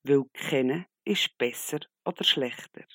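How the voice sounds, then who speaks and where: A man voicing Jesus as a calm, gentle teacher in a Bible story. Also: mid-range voice, measured pace, no room sound, studio quality. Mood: gently firm.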